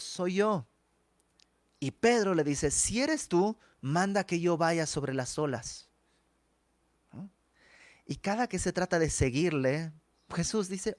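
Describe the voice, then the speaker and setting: A man's voice: fairly high pitch, no room sound. A man teaching a verse-by-verse Bible study in a conversational way, acting out the dialogue of the text.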